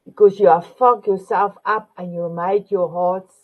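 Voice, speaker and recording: A woman speaks slowly and deliberately as a talk show host, offering motivational encouragement. She repeats endearments and sometimes searches for an English word. Her voice comes through a narrow, phone-like line. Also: medium pitch, steady tone. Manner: warm, repetitive terms of endearment, searching for English words. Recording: phone-line quality audio.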